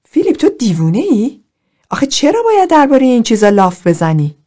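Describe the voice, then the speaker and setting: A woman's voice: fairly high pitch, huge pitch swings, dark tone, voice pushed up. A woman voicing an indignant woman in group therapy who speaks in a reproachful way with a raised voice.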